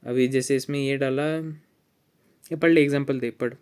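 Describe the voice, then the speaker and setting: A man's voice: medium pitch, fairly even intonation, darkish tone, clear, resonant tone. Young male peer tutor, casual teasing study chat, tired voice. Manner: chatty, teasing, switches into slow halting reading of English text. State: sore throat, tired. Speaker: student tutoring a friend.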